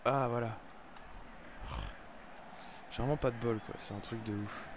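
A young man giving live commentary over his football video game, with excitable, frustrated outbursts about his bad luck. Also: mid-range voice, unhurried, background noise. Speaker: gaming YouTuber. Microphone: desk microphone.

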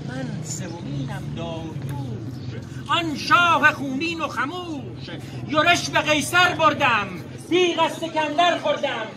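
A man giving a theatrical, declamatory recitation of epic verse in the naqqali storytelling style, proud and dramatic, with drawn-out words. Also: very high voice, animated, crowd noise, noisy background.

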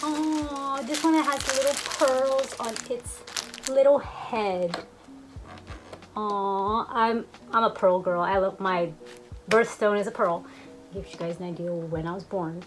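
A woman in her thirties talks casually to a camera in a small room as an unboxing vlogger. Her pace is slow and her pitch is average. Music is clearly heard behind her. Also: fairly even intonation, rough recording. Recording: music and crinkling packaging behind voice. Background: music, crinkling packaging.

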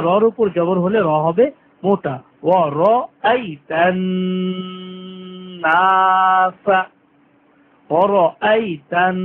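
A man teaching Quran recitation rules, repeating each rule and drawing out the verses very slowly. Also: high voice. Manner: repeats rules and verses, stretching vowels very long. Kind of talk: tajweed lesson with slow drawn-out recitation. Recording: tinny lo-fi phone-like recording, faint hiss.

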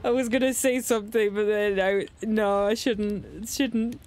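A woman's voice: mid-range voice, fairly even intonation, a little slow, darkish tone. A woman streaming a game live, giggling and teasing her chat in casual banter.

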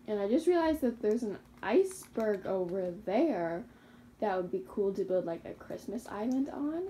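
Her mid-range voice is mellow and animated at a normal speed, heard in a low-quality recording with slight background noise. The young woman is a gaming YouTuber chatting through her Minecraft survival game, rambling, self-correcting and laughing at herself.

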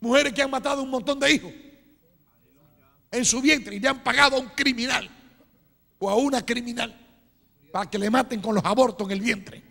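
Fiery preacher man with gravelly high voice. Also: normal speed, long pauses. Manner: fiery, swings between low asides and shouted cries; calls listeners "hermano" again and again. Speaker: pastor. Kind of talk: preaching a sermon. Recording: long hall reverb.

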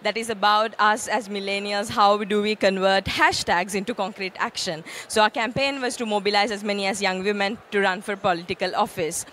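Young woman from sri lanka, interview guest, steady and earnest, lots of ums, handheld mic, bit of noise. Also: mid-range voice, brisk, hardly any pauses. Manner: earnest, steady, with frequent um and uh fillers. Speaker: interview guest, UN youth official. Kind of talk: conversational interview. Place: event studio stage with a branded backdrop. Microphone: handheld microphone.

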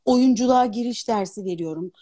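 A woman in her fifties, an opera singer and dubbing artist, talking as a guest in a casual live interview, animated and articulate. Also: a little high, brisk. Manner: animated, articulate, laughs easily. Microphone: phone on a live video stream.

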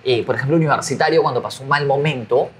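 A man hosting an interview, asking informal questions in a quick, lively way. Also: medium pitch, a little hiss or hum. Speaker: interview host. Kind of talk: casual interview talk.

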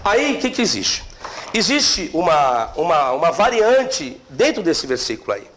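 A middle-aged man teaching theology in a seminary classroom, lively and questioning his students. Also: fairly high pitch, unhurried, a little hiss or hum. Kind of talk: classroom lecture.

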